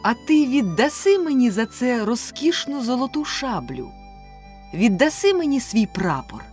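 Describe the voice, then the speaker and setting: A woman voicing a small gentle male nightingale who bargains softly. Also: fairly high pitch, sing-song, measured pace, faint music behind, pitched above the performer's own voice. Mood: coaxing. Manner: bargaining, coaxing.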